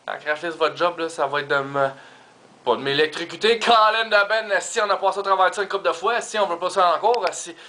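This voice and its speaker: A man's voice: fairly high pitch, steady tone, quick pace, bright, forceful tone. A man with a Québécois French accent doing a rambling comic monologue, peppered with Quebec swear fillers and English words. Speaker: stand-up comedian.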